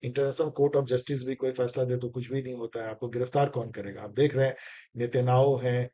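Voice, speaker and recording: A man's voice: medium pitch, fairly even intonation, fast talker, dark tone. A man explaining exam questions as a tutor, in a conversational, coaxing way, often repeating key phrases and reading English lines with an Indian accent. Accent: Indian English in Hindi talk. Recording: slightly dull lo-fi recording.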